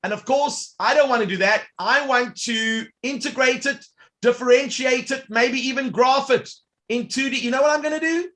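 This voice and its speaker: With a very high voice at a normal speed, this man demonstrates software during a live online workshop. He plays the showman, upbeat and addressing viewers directly.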